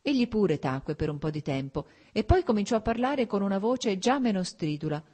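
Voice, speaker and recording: A woman narrating a novel aloud in a measured, expressive literary reading. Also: medium pitch. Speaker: audiobook narrator. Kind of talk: scripted narration.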